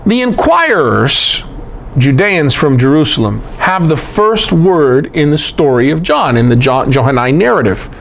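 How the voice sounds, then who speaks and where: American male Bible teacher, lecture style, chatty asides, animated pitch, faint background noise. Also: measured pace, gravelly. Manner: animated, conversational asides to listeners.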